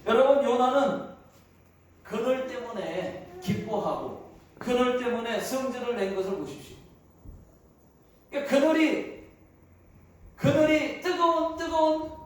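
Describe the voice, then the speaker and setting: Male pastor, sermon, repeats words for emphasis, very high voice, echoey church, far from mic. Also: lively intonation, unhurried, long pauses. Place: church hall.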